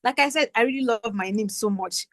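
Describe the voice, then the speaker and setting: Young Nigerian woman, workshop facilitator, higher voice, dry close mic, chatty teaching manner. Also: fairly quick, a bit bright, no echo. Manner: conversational, checking in with "right?". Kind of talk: online teaching session.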